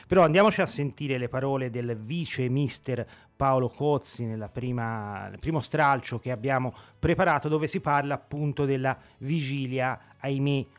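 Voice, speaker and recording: A man's voice: medium pitch, normal speed, few pauses. A man hosting a football discussion in a conversational way, often repeating phrases for emphasis. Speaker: sports show host.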